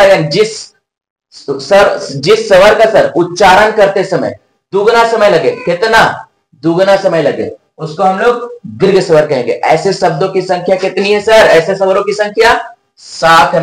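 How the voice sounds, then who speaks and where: A man teaching a grammar lesson, asking questions and answering them himself, drawing out sounds slowly to show them. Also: sits high, echoey room, poor audio. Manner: slow, drawn-out demonstration of sounds.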